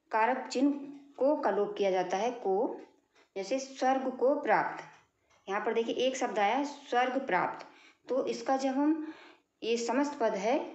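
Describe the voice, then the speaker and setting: A woman teacher explaining grammar to pupils, going over each point slowly and again, asking if they follow. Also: on the high side, a little mellow. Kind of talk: classroom grammar lesson. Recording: echoey room, dull lo-fi sound.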